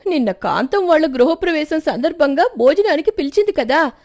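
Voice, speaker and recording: A woman narrating a moral story for a cartoon, expressive storytelling. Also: high-pitched, brisk, no room sound, clean studio sound.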